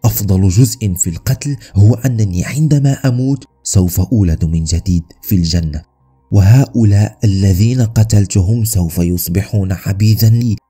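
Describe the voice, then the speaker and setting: Man doing a cold serial killer, very low voice, husky, menacing, faint music behind. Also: moderate pace, warm tone. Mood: boastful.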